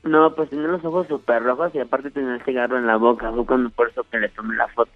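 A man's voice: medium pitch, steady tone, fast talker. A man calling in to a radio show and telling a story plainly. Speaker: caller. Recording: tinny phone line with music behind.

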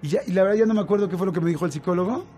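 A man with a Mexican Spanish accent recounts a story in relaxed conversation. His voice sits slightly high for a man, and his telling is lively and full of fillers and restarts. Faint music plays underneath. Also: rapid-fire. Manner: animated, with many fillers and restarts. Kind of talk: casual storytelling chat.

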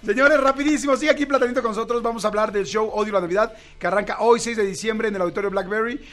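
A man's voice: high voice, fairly bright tone. A man with a Mexican accent, hosting a radio show with slangy, casual banter. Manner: slangy, quick reactions. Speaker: radio host.

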